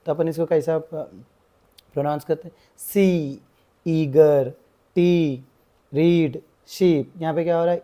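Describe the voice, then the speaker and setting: A young man explaining a grammar lesson as a tutor. He uses the same filler phrases again and again and draws out example words slowly. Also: fairly high pitch, mellow.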